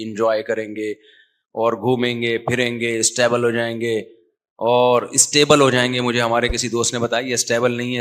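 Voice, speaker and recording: A man's voice: medium pitch, fairly bright tone. Male cleric in his forties, from Pakistan, casual lecturing style, chanted scripture, mic'd for a live audience. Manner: digressive and chatty, chants Quranic Arabic verses and then explains them. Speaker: mufti, religious teacher. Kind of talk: conversational religious lecture. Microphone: microphone.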